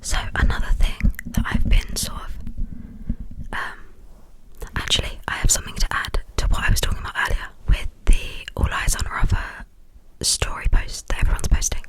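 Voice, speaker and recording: A young adult from the United Kingdom speaks in a hushed, breathy whisper, rambling informally and hesitantly in an ASMR style. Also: moderate pace, low-quality recording. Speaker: ASMR video creator.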